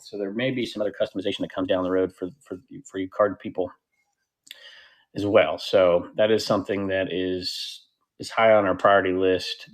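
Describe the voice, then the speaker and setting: A man hosting a casual livestream, rambling and interrupting himself, with sudden excited bursts. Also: on the low side. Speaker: host of a live selling platform stream.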